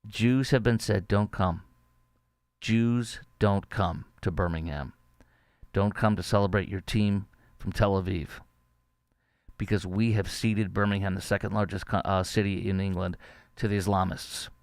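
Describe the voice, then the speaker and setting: A man's voice: lowish voice, fairly even intonation, normal speed, dry recording, studio quality. A man hosting a podcast, giving indignant, scornful political commentary. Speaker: podcast host.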